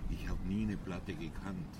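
A man's voice: low-pitched, moderate pace. Man, 30s, from Swabia, short hesitant answers, off-mic on a noisy street. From Swabia, Germany. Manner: brief, hesitant remarks. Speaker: interviewee. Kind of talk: casual street interview. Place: outdoors on a city street. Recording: distant from mic, loud traffic noise.

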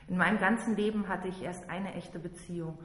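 A woman's voice: lowish voice, fairly even intonation, a little fast, a bit bright. A woman reading a crude first-person memoir aloud in a blunt manner. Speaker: reader. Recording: roomy long reverb with faint ambience.

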